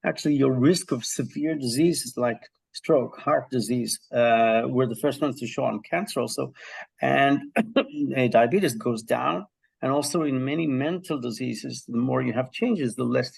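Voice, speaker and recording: A middle-aged man, a health psychology professor, explaining his research as an interview guest, telling it lively with frequent ums and throat-clearing. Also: medium pitch.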